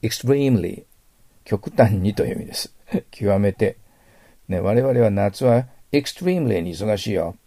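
A man with a Japanese accent gives a lecture-style English vocabulary lesson, patiently explaining words and exaggerating his English pronunciation so learners can copy it. His voice is on the low side, warm and measured, with no room sound.

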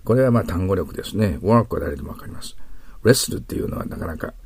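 A man's voice: low voice, expressive, fast, darkish tone. A man teaching English exam questions in a patient lecture, often checking in with his listeners. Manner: patient explaining, frequent tag questions.

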